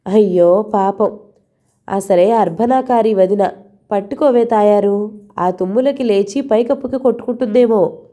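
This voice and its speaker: Behind the narration, a woman plays a sharp-tongued young sister-in-law whose every remark is a taunt. The voice is mellow and soft-edged, yet the words come out scornful and cutting, just as it would be heard in a spoken storybook. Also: mid-range voice, a little slow, lightly acted.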